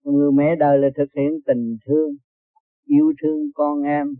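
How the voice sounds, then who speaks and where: A man counseling a caller on a radio program, calmly preaching about patience and love. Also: a little high, normal speed, vocal fry, no room sound, phone-quality sound. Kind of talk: spiritual advice on call-in radio.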